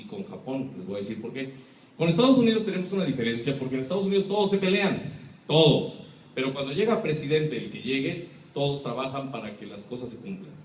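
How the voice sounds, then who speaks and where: A man's voice: on the high side, slight background noise. Emphatic Mexican man lecturing in an echoey hall. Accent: Mexican Spanish. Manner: emphatic, rhetorical questions, acts out quoted voices. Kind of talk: impassioned public talk. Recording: echoey room, speaker far from mic.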